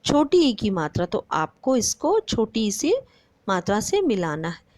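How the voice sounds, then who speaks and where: Woman primary teacher, slow and sing-song, drawing out example words for small children; dry, close sound. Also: mid-range voice, very animated, a little mellow, no room sound. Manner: addresses the pupils often and asks them questions. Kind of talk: online grammar lesson for young children.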